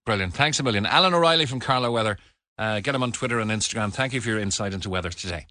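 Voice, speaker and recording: A man's voice: lowish voice, lively intonation, rapid-fire, bright, forceful tone, dry recording. An Irish man presenting a radio phone-in in a conversational style. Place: dry radio studio.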